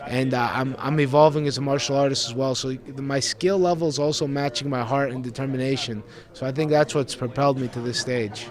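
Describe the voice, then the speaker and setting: A man's voice: mid-range voice, steady tone, fairly quick, few pauses. A young adult man from Greece, an MMA fighter giving a pre-fight interview in an earnest, rambling way, repeating words as he goes.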